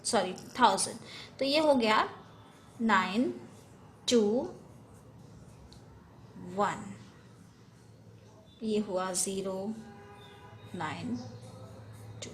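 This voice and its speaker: A woman's voice: medium pitch, extremely slow, pauses often, slight background noise. A woman teaching a math lesson in Hindi, going step by step through place values, often correcting herself and mixing in English number words.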